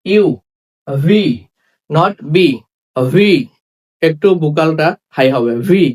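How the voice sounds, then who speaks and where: A man teaching a spoken English lesson, saying each letter slowly and repeating sounds several times. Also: sits high. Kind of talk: classroom lesson.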